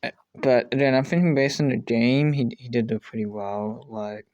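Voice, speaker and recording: Casual male vlogger who thinks aloud, swears offhandedly and restarts a lot. Mid-pitched, smooth tone, dry close sound. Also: steady tone, normal speed, darkish tone, no room sound, muffled recording. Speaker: video creator ranking show contestants. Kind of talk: casual commentary while making a tier list.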